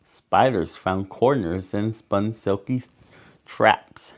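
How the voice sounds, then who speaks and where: This is a man reading a children's picture book aloud with a lowish voice. He builds drama with pauses and tosses in asides meant for the little ones listening.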